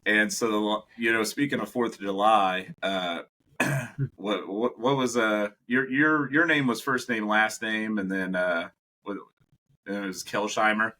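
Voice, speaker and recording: A young man co-hosting a podcast, telling animated stories in casual chat, laughing often and acting out what people said. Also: fairly low pitch, measured pace. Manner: animated storyteller, laughs often, acts out quotes. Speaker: podcast co-host.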